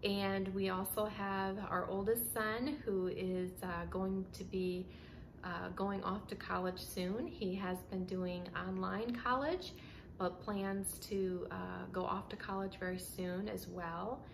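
A woman's voice: mid-range voice, fairly even intonation, slow, gravelly, noisy background. Chatty woman vlogging at home. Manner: chatty, many fillers and restarts, says "y'all". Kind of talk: casual talk to camera. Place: home interior, indoors. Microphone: camera framed at chest height, close.

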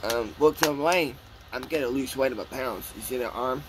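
A man filming a casual home vlog, speaking haltingly and repeating his phrases with many fillers. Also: mid-range voice, noisy background. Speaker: vlogger. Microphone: phone.

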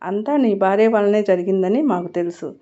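A man's voice: brisk, mellow, natural voice. A woman reading a menacing mafia boss. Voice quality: deep bass voice. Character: ruthless male mafia boss, cold and menacing. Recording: muffled lo-fi recording.

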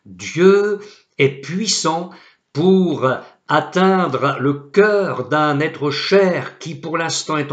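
A male pastor delivers a sermon in a measured, unhurried cadence with a fairly high voice. He reads scripture solemnly and with great deliberation. The recording carries a noticeable room echo. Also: highs cut off. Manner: slow, deliberate preaching with solemn Bible quotations.

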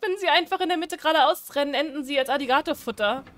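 A woman's voice: high voice, fast, dry recording. A woman giving casual let's-play commentary, chatty and jumpy, pleading and squealing when scared. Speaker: gaming streamer.

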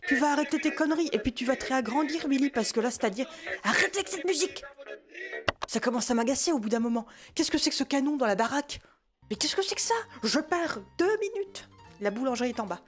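This is an exasperated mother in a comic game role-play, voiced by a woman. She scolds and nags her unruly little son with a slightly high voice, punctuating orders with tag questions and mild curses. Faint music plays behind her. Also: fast, natural voice. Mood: exasperated, scolding. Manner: scolding, peppered with "hein" and mild swearing. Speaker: gaming video creator.

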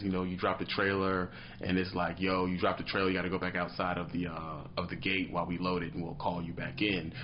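Sitting low in pitch, this man in his thirties spins animated, slang-filled tales and plays out small scenes while vlogging from a cramped, dimly lit room. He's a truck driver, and the recording sounds dull with slight background noise.

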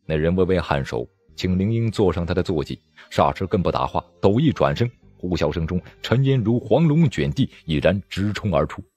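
Husky, expressive male storyteller. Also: low voice, moderate pace, few pauses. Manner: dramatic, expressive. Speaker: audiobook narrator. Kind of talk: storytelling narration.

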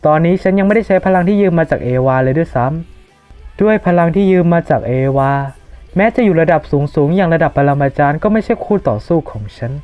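A dub reader voicing a cocky young male hero who speaks calmly and confidently, in a manga fan dub. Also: medium pitch, a little fast, voice pushed down, close to an everyday voice. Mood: smug. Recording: dull lo-fi voice-over with faint music.

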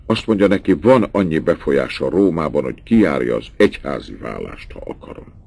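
A man's voice: extremely low pitch, sing-song, gravelly, darkish tone, slightly rough, exaggerated voice. A man playing a whispering, torn young countess. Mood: mocking, playful. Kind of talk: audiobook dialogue.

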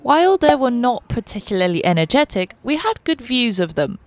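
A young woman giving a scripted, even voice-over for her travel vlog. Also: fairly high pitch, a little fast, no echo. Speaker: travel vlogger.

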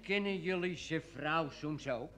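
An actor playing a sentimental, chatty older secondhand-goods dealer in a vintage radio play. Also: male voice, fairly high pitch, a little slow, fairly bright tone, faint music behind. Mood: wistful. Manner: wistful, chatty.

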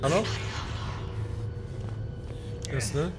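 Young male game streamer, high and very lively voice, jumpy, yells when startled, game music behind. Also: normal speed. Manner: jumpy, shrieks and yells when scared, then mutters low. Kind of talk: live gameplay commentary.

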